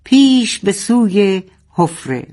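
A woman voicing a brave narwhal who leads the sea fish, calling out slowly and drawn out. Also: mid-range voice, very animated, a little mellow, breathy edge, pitched above the performer's own voice. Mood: rallying.

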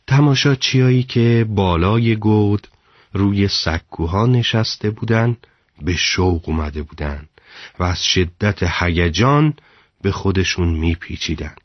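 A man narrating a story in a measured, dramatic storytelling delivery. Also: low-pitched, no echo, highs cut off.

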